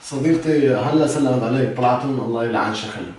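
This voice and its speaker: Man, rapid, evasive prank-vlog host; distant mic, echoey room. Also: mid-range voice, a little mellow. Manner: defensive, evasive, laughing off accusations. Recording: roomy echo, far from mic.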